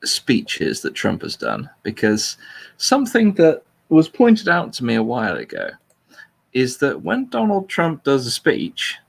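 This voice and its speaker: A talk show host with a mid-range, slightly rough voice and vocal fry chats casually and reads a transcript aloud, deliberately flat. His pitch swoops wildly while his pace stays measured, and the delivery is dry and informal.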